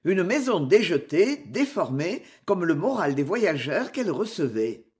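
A narrator reading a classic novel aloud in measured, expressive scripted narration. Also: medium pitch. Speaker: audiobook narrator.

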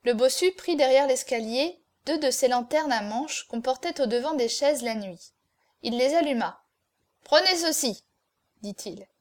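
A woman narrating a classic adventure novel as an audiobook. Her reading is steady and even, in a high voice. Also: normal speed.

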